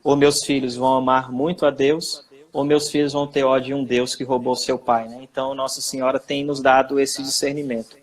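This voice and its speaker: A man's voice: medium pitch, flat delivery, brisk. Earnest Brazilian man telling a story. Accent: Brazilian Portuguese. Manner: earnest, storytelling with quoted dialogue. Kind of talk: casual testimony.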